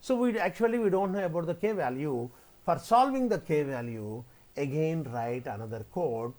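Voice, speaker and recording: A man's voice: a little high, lively intonation, normal speed, darkish tone. A man giving a spoken tutorial as a lecturer, often repeating his phrases as he explains each step. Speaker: maths lecturer teaching software coding.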